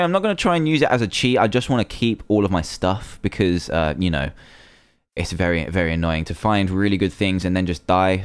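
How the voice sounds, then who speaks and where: A man's voice: low voice, clean tone, no room sound. A young man giving casual, chatty commentary while playing a survival game, often nervous and easily panicked. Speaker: gaming video creator.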